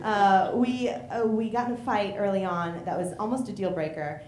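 A young woman from the American Midwest performing a stand-up comedy set, acting out both sides of her arguments and jumping into shrill outbursts. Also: normal speed, slight background noise. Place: comedy theater stage before a live audience. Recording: echoey room, loud audience laughter.

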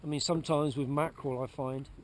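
A Cornish man with a slightly high voice and steady tone talks fast as he presents a fishing video, explaining methods from a kayak at sea. Chatty, he repeats words and restarts in this casual outdoor how-to, recorded on a kayak-mounted action camera with a little hiss or hum.

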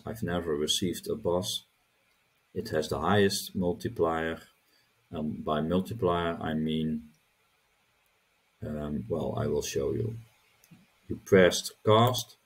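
Middle-aged man, tutorial host: deep and husky, unhurried, halting, repeats words as he clicks. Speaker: crypto channel host. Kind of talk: screen-recorded tutorial walkthrough.

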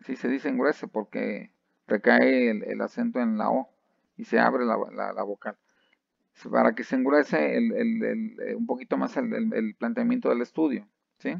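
A man lecturing a class, lively, often checking in with his listeners and restarting phrases. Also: medium pitch, normal speed, no room sound. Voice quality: gravelly. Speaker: university lecturer. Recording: dry, slightly dull sound.

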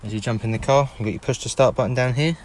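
On a dealer forecourt, a man with an English accent quickly talks through a car's exterior and then its interior, filming it all on his own phone. His medium-pitched commentary is easygoing and plain, with fillers that keep recurring. The video picks up noticeable background noise.

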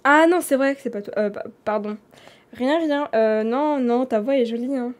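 Animated French woman streamer. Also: high voice. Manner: animated, dramatic, quick swings in loudness. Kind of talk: live game role-play.

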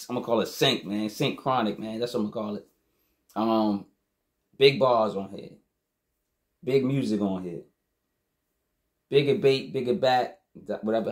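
A man's voice: fairly low pitch, darkish tone. A man giving a casual, slangy review of a rap album as the show's host, often dropping "you know what I'm saying". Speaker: hip-hop album reviewer.

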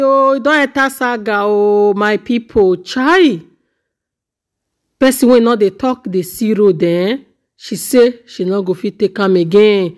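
Nigerian woman host, fairly high voice, gossipy and exclamatory. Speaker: reaction channel host. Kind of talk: casual commentary on a video.

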